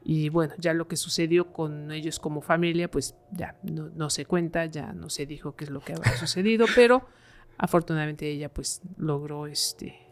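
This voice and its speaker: A woman with a notably low voice recounts a chilling tale as a podcast guest. She talks casually, leaning on fillers like "eh" and "este" as she goes. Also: fairly even intonation, normal speed. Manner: conversational, many fillers like "eh" and "este". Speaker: guest storyteller. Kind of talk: telling a horror story on a podcast.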